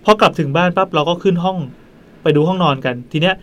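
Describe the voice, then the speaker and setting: Fast-talking man telling a ghost story. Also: high-pitched, steady tone, fairly bright tone. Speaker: podcast host. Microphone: studio mic.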